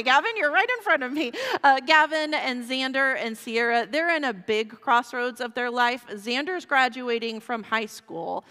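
A middle-aged woman pastor leads a call to worship in an emotional, tender way, her voice catching now and then. Her voice is bright and a little high. It rings out with the long reverb of a large sanctuary. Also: clear, resonant tone. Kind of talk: church announcements and call to worship.

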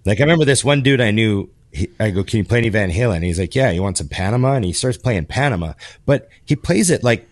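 A man in his forties talks casually as a podcast co-host, rambling and restarting his sentences. His voice sits very low. The sound is dry and close, with no room around it. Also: lively intonation, fast, few pauses, dry recording. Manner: rambling, heavy on fillers and restarts. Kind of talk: casual chat. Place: home studio with video call. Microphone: headphones and desk microphone.

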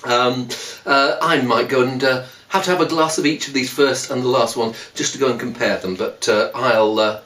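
A man's voice: medium pitch, steady tone, moderate pace, a bit bright. A man, a wine critic, chatting casually as he tastes wines, with many hesitant fillers. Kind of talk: casual wine tasting talk. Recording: echoey room, a bit far from mic.

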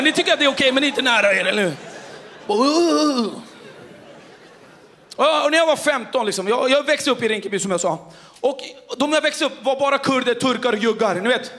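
A man from Sweden doing stand-up comedy, telling stories to the audience in a cocky, animated way. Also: very high-pitched. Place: comedy stage. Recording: live club with audience and noise. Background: audience laughter.

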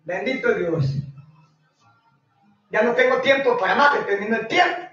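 A Honduran man preaching a fiery radio sermon, shouting and scolding, greeting callers between rants. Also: sits high, expressive, moderate pace, faint music behind. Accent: Honduran Spanish. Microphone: radio studio microphone. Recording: echoey lo-fi radio broadcast from far off.

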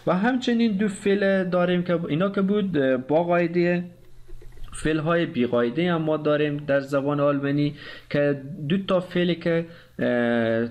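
A man with a slightly high voice and an Afghan Dari accent teaches German verbs in a lesson. He hesitates often, filling gaps with "uh" sounds. He reads the conjugation tables slowly and carefully. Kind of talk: explaining grammar, conjugating verbs aloud.

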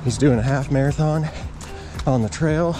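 A man narrates a casual vlog while running outdoors. His voice sits at an average pitch for a man. He talks to viewers into an action camera on the trail, with clear music behind him. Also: moderate pace. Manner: talking while out on a run. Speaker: running vlogger. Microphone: action camera on a pole.

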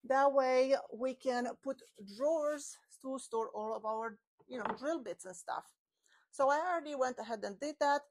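A woman in her forties, host of a woodworking channel, speaks at normal speed in a high-pitched voice, chatting through each step of a tutorial as she works with her hands. She's recorded on a small clip-on mic on her shirt in a home woodworking shop with the garage door open.

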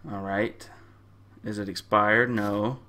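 A man's voice: fairly low pitch, little pitch movement, takes it slowly, bright, forceful tone. A young man casually commenting while he plays a computer game, joking crudely and swearing a lot. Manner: puts on silly accents to read game text. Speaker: gamer. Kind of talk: profane let's-play commentary.

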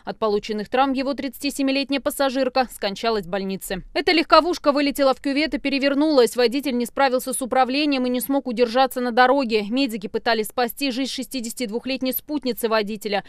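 A woman correspondent reading a scripted news review of road accidents in a brisk newsreader delivery. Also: high voice, clear, resonant tone, dry recording, studio quality.

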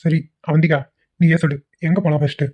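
A woman voicing a caring young husband in a cartoon, speaking softly and affectionately. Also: sits low, little pitch movement, fast, slight background noise, lightly acted. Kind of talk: cartoon voice acting.

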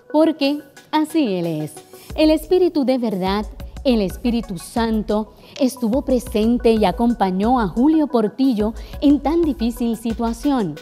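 A woman giving calm, devotional scripted narration for a program. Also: on the high side.

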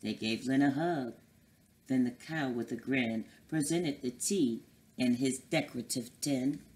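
A woman reading a rhyming picture book aloud to children, lively and giving the characters voices. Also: extremely low pitch, a little slow. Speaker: guest reader.

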